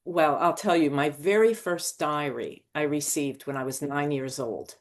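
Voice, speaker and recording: An older woman from Morocco, a novelist and screenwriter, telling her story as a podcast guest in an animated, digressive way. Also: sits low, unhurried.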